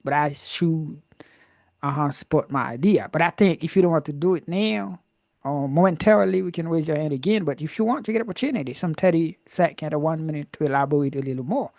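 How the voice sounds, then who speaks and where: A man with a Haitian accent who teaches English, leading a live debate over a video call with lively encouragement. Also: fairly high pitch, a little fast, gravelly, no echo, clean studio sound. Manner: lively, encouraging, switches between English and Creole.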